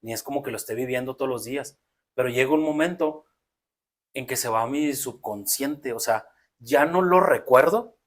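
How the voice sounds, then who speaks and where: A podcast co-host with a Mexican accent talks reflectively in a casual conversation, explaining things at length. His voice is medium in pitch and his pace is moderate.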